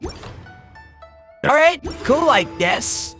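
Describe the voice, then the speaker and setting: With game music in the background, this streamer grumbles through casual gaming commentary in a blunt, exasperated way. The voice is high, very animated, very slow and a bit bright, likely altered by a voice changer.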